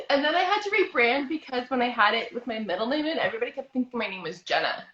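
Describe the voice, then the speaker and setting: A woman in her thirties hosting a casual chat over a video call, chatty and quick to laugh. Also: a little high, fairly bright tone, roomy sound, highs cut off. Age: 30s. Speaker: host.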